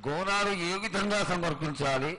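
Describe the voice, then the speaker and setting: Higher-pitched man, reverent priestly supplication. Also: bright, forceful tone. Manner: formal, supplicating, in measured short phrases. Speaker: priest questioning the oracle. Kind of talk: reverent ceremonial address to a goddess. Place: live temple festival ceremony. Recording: noisy live festival sound.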